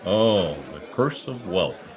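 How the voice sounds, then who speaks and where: A man with a lowish, animated, slow voice, a crowd audible behind him, plays a wisecracking private detective disguised as a lonely Oklahoma oilman. His wry, quipping first-person narration in 1940s radio drama style turns flirtatious and joking. The recording is a remote video call with music.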